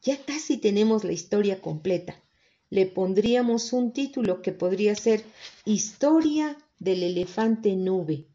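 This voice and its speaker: A woman's voice: medium pitch, animated, unhurried, dark tone, muffled recording, lightly acted. Woman doing a formal cricket teacher. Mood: teacherly.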